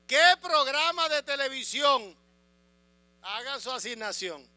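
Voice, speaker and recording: High-voiced preaching pastor. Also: male voice, animated, slow. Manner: swings from loud preaching to quiet asides, asks the congregation questions. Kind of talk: sermon. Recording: music and mains hum behind.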